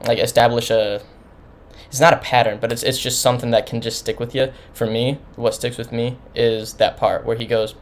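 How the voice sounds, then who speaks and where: A man's voice: mid-range voice, little pitch movement, normal speed. Casual man rambling through an album review. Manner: rambling, informal, many restarts. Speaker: music reviewer.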